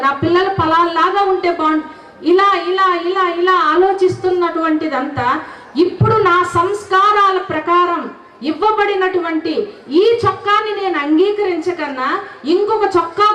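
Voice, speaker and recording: A woman's voice: extremely high pitch, fairly quick, fairly bright tone. A woman giving a devotional talk to a gathering. She talks earnestly and keeps putting questions to her listeners. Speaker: spiritual speaker. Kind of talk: devotional talk with sung verses. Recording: echoey, distant, dull hall recording.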